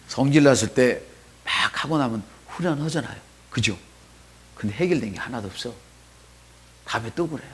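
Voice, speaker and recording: A man preaching a sermon as pastor in a church, dropping to soft asides and rising to loud calls, and leading the congregation in spoken responses. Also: mid-range voice, slightly rough.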